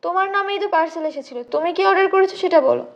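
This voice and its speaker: An actress playing a young wife who questions her husband in a quick, questioning way. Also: very high voice, muffled recording. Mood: accusing. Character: young wife, puzzled then suspicious.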